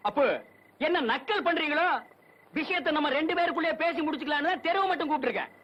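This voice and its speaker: A man's voice: very high-pitched, fast, highs cut off. An actor playing a threatening older village man who sneers and hurls accusations at his family. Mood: accusing. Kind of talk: 1980s film drama acting.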